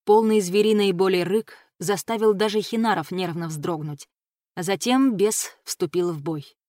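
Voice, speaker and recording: A woman narrating a fantasy audiobook with a steady, expressive reading. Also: mid-range voice, normal speed, no room sound, clean studio sound. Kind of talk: scripted narration of a fantasy novel.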